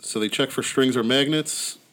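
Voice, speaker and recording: Medium in pitch and a little bright, this man talks at a moderate pace. He's a podcast host casually retelling a story, wry and laid-back, swearing here and there. Outdoor neighborhood sounds run in the background.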